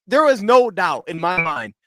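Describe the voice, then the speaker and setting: A man's voice: high voice, big pitch swings, moderate pace, fairly bright tone, a little hiss or hum. A man on a sports panel in casual chat, rambling and candid with slangy phrasing.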